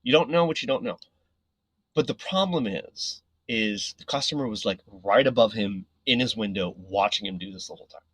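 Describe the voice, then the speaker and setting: A man tells a story as a podcast guest in a husky voice. He talks casually and with animation, often checking in with "right?". The sound is close and dry. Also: fairly low pitch, moderate pace, no room sound, poor audio. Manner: animated, filler-heavy, frequent "right?".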